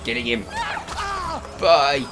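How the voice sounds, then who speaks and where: Guy gaming, slow chatty commentary w mild exclamations, really loud game music under him. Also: mid-range voice. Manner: mild exclamations, thinking aloud. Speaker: gamer playing and commentating. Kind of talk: casual gameplay commentary.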